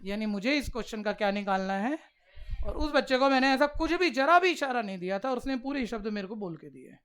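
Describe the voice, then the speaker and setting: A man teaching maths to a class, coaxing the pupils along with quick direct questions. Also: very high-pitched, expressive, fairly bright tone, clean tone. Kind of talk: classroom lecture.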